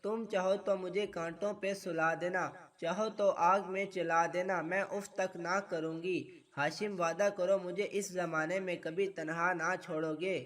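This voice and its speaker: A devoted young bride, soft and pleading, high voice, as a male reader puts her on. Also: little pitch movement, a little slow, hardly any pauses, far from the mic.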